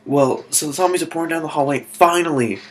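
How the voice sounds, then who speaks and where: A man from Alaska talking through a TV episode in a casual review vlog, rambling and excitable with lots of fillers and restarts. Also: a little high, fast, a little hiss or hum.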